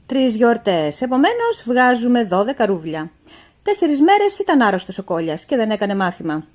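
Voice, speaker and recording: Woman voicing a mocking male employer, loud and lecturing, higher-pitched and lively. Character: stingy, mocking male employer, middle-aged.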